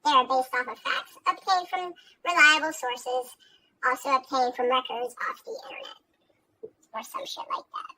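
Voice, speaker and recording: A woman's voice: moderate pace, bright, forceful tone, rough recording. A woman's voice run through a sped-up chipmunk filter, reading a mock-formal disclaimer and trailing off into giggles. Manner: giggly, trails into a whisper and laughs. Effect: sped-up high chipmunk voice filter. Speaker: livestream host reading a disclaimer.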